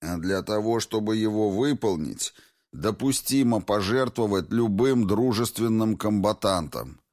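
A stern male commander gives clipped orders in a low voice, as the narrator plays him. He is curt and cold. Each word lands as a command. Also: expressive, measured pace, darkish tone.

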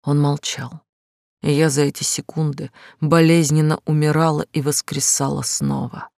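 A woman narrating a first-person romance novel as an audiobook, slow, emotional and pained. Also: low voice, level tone, vocal fry, darkish tone, no echo, studio quality.

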